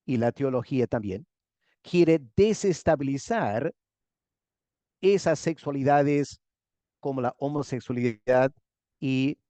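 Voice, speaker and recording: A pastor giving a structured theology lecture, a man who talks in measured steps, repeats key words and checks in with his listeners. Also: a little high, dark tone, no room sound. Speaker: pastor lecturing a master class.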